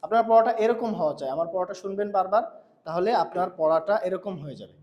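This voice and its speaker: A man teaching Quran recitation, patiently correcting a student's pronunciation and repeating phrases slowly. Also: high voice, roomy sound, muffled recording. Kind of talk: patient tutoring lesson.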